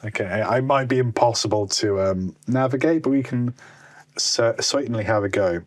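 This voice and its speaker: A man's voice: fairly low pitch, normal speed, dry recording. A young man co-hosting a casual comedy podcast, riffing on silly jokes and wordplay. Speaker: podcast co-host.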